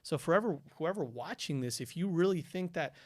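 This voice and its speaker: A young Ecuadorian man, guesting on a podcast, tells stories in an animated, casual way, full of "like" and "dude" and many restarts. His voice is a little high and fairly quick, recorded at studio quality with no echo.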